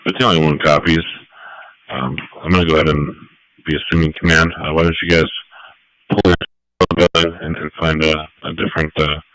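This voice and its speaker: A man's voice: a bass voice, level tone, normal speed, a bit bright, no room sound, low-quality recording. A man speaking as a fire battalion chief on the radio, giving a procedural command briefing and searching for words as he goes.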